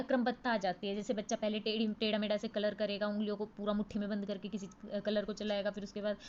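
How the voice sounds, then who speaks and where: A woman's voice: medium pitch, lo-fi sound, slight background noise. A woman tutor giving an exam-prep lecture. She explains at length, with many fillers and repeated words.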